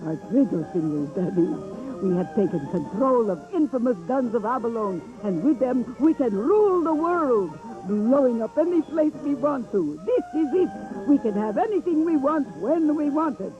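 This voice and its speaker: A purring spy villainess with a Russian-style accent. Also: female voice, on the high side, sing-song, moderate pace. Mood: sly. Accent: put-on Russian-style accent. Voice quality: purring, drops small words. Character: scheming female spy villain, sultry. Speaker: host of a cartoon broadcast segment. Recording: dull recording with music.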